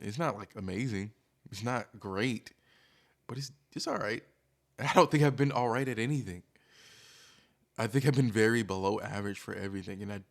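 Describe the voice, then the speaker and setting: A man's voice: lowish voice, fairly bright tone. A man streamer talking casually and candidly in a rambling, hesitant, self-deprecating monologue, as if thinking aloud.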